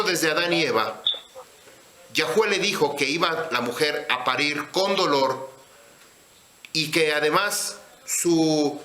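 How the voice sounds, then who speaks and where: A man teaching scripture in a sermon, speaking slowly and deliberately and putting questions to his listeners. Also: on the high side, bright, forceful tone, reverberant. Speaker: religious teacher.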